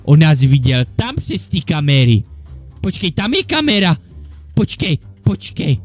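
A man's voice: fairly high pitch, sing-song, faint music behind. A man playing through a comedic game parody, chattering nervously and swearing often as he plays two bickering friends. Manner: jittery, panicky banter with frequent mild swearing; switches between two bickering sidekick characters. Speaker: gaming YouTuber. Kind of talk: comedic Minecraft let's play.

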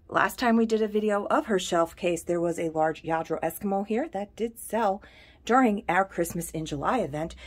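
Filming on a handheld phone, a middle-aged woman gives a chatty video tour of her antique store and prices pieces as she goes. Her voice is fairly low, darkish, and slightly rough.

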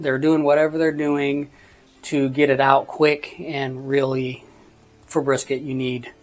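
A vlogger from Texas giving a casual food review as a voice-over, relaxed and slipping in wry asides. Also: medium pitch. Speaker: theme park food reviewer.

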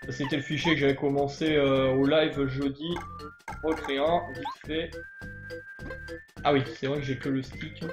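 A man's voice: mid-range voice, level tone, normal speed, pauses often, echoey room, music in the background. A man streaming a video game live, chatting casually and greeting viewers in the chat. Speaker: let's play streamer.

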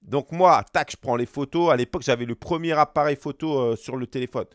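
A man's voice: mid-range voice, brisk, dry recording. A young man, a gaming streamer, spinning a rambling tall tale with slang and mouth sound effects into a close desk mic. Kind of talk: rambling tall tale during a game pack opening.

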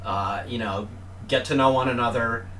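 A man's voice: mid-range voice, fairly even intonation, normal speed, a bit bright. A middle-aged man live-streaming a game from home, chatting casually and self-deprecatingly with his viewers. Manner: rambling, self-deprecating, joking with chat. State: winded from climbing stairs. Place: home room. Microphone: headphones with desk mic, off-mic at times. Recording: voice sometimes distant from mic, faint room noise.

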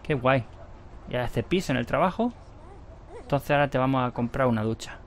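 A chatty man gives casual gameplay commentary and teases the characters on screen. His voice sits in a middling register. A steady noise runs under a plain home recording. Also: mid-range voice, normal speed. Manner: mocking, chatty, talks to the game characters.

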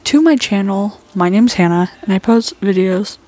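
A woman's voice: medium pitch, moderate pace, dark tone, a little hiss or hum. A woman with a speech impediment that turns her R's into W's, chatting casually and goofily as a reaction host. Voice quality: speech impediment, cannot pronounce R's, says w for r. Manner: goofy, informal. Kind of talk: casual chat, reacting to true crime video.

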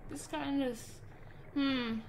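A woman hosts a gaming video full of playful, giggly, enthusiastic commentary and roleplay. Her voice is high-pitched with fairly even intonation, and she speaks slowly over a slight hiss or hum.

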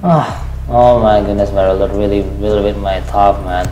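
A man's voice: fairly low pitch, steady tone, normal speed, warm tone, echoey room, muffled recording, a little hiss or hum. A man casually commenting on a video game during a live stream, exclaiming often and rambling. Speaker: gaming streamer.

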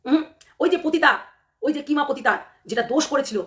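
A woman vlogger, talking to her viewers while hoarse from a cold. She speaks in a heated, emphatic way, repeats her phrases and keeps firing rhetorical questions. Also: sits high, a little fast, fairly bright tone. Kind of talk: casual direct-to-camera commentary.

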